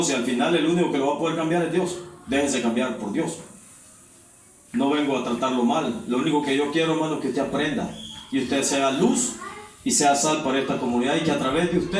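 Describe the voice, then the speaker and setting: A male pastor, preaching a sermon and putting questions to the congregation. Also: medium pitch. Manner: repeats "hermano" often, exhorting. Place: church hall. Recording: echoey church from far off, faint noise.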